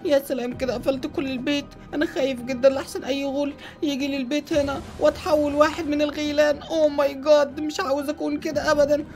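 A woman with an Egyptian accent voicing a Roblox story, with panicky, rapid exclamations. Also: high voice, flat delivery, a little mellow, faint music behind. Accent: Egyptian Arabic.

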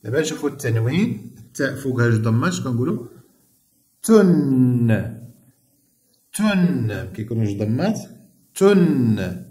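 A man with a Moroccan Arabic accent, teaching a reading lesson to young children. He sounds out each syllable slowly and repeats it so the pupils can copy him. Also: mid-range voice, lively intonation, a little mellow, echoey room. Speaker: primary school teacher.

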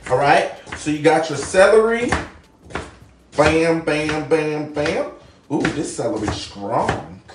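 A man's voice: a little high, lively intonation, slow pace, background noise. A man hosting a casual live cooking demo in his home kitchen, chattily greeting viewers by name and punctuating his steps with "bam.". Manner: chatty, keeps calling out to viewers by name, says "bam" and "people". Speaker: home cooking show host. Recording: roomy kitchen, distant mic, faint music.

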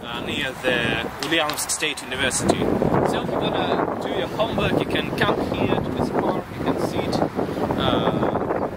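A young adult man with a Russian accent, a vlog host and city guide, gives a casual walking tour outdoors on a city campus street. His somewhat high voice is halting, full of fillers and restarts. Loud wind noise hits the camera mic.

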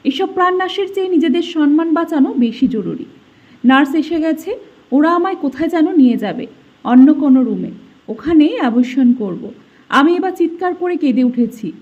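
A woman's voice: high voice, lively intonation, normal speed, darkish tone. A woman narrating a dramatic first-person story with emotion. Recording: dull lo-fi recording.

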